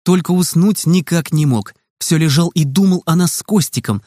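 A man's voice: a little high, moderate pace, mellow, dry recording, studio quality. Man reading a children's story. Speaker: narrator. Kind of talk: scripted storybook narration.

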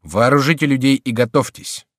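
A man's voice: medium pitch, normal speed, no echo, studio quality, voice pushed up, close to an everyday voice. A man voicing a scheming, commanding male duke in a read-aloud historical novel, speaking sternly.

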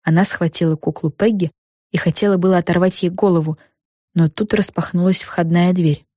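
A woman reading a children's book aloud with lively, expressive storytelling. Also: on the low side, fairly quick, dry recording, clean studio sound. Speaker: audiobook narrator. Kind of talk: scripted narration.

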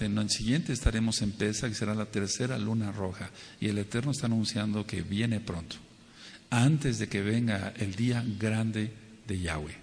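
This man's voice sits on the low side with a darkish tone as he teaches a Torah sermon. Rhetorical questions and repeated phrases drive home his points, and quoted figures get acted out in a raised voice, all within a long hall reverb.

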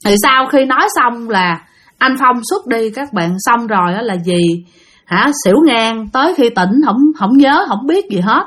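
A woman with a high voice tells a ghost story. She chats directly with her listeners and repeats words for effect. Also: lively intonation, measured pace, a bit bright. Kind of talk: spoken ghost-story narration.

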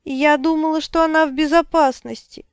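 A woman's voice: high-pitched, fairly even intonation, moderate pace, dry recording, clean studio sound, voice pushed up. A woman voicing a desperate young woman who begs forgiveness in a pleading, strained voice in an audiobook.

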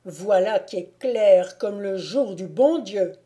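A woman's voice: medium pitch, lively intonation, slow pace, warm tone. A woman voicing an eager, accusing huntsman servant in an audiobook reading.

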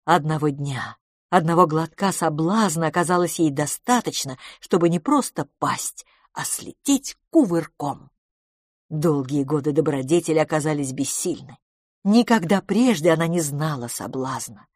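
A woman narrating an audiobook in a measured, expressive reading style. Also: sits low, dry recording, clean studio sound. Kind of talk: scripted narration.

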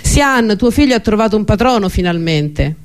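A heavy, fussing middle-aged mother, as a man narrating puts her on, raspy and full of exclamations. The voice is pitched fairly high, and it is an audiobook reading. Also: expressive, moderate pace.

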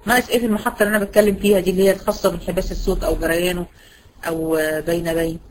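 With a fairly low, level voice and an Egyptian Arabic accent, a woman teaching Quran recitation gives a brisk tajweed lesson. She quizzes students and answers herself, stretching example words slowly, on poor audio with a little hiss or hum.

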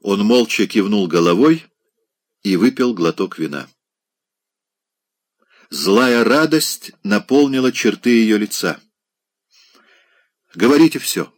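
A male audiobook narrator giving a measured, literary reading of a classic novel. His voice is low and his pace is very unhurried. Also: expressive. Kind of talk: scripted narration.

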